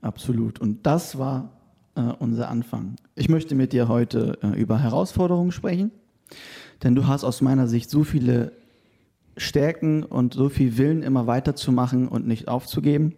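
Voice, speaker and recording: A man hosts a casual interview in a medium-pitched voice with a soft, dark tone. He talks conversationally, moving between personal stories and questions for his guest. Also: normal speed, gravelly.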